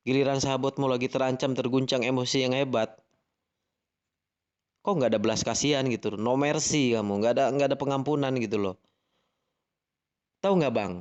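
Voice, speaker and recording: A man with an Indonesian accent argues heatedly in a live-stream online voice chat, his mid-range voice captured in a muffled recording. Angry and lecturing, he keeps repeating himself, often saying "gitu loh".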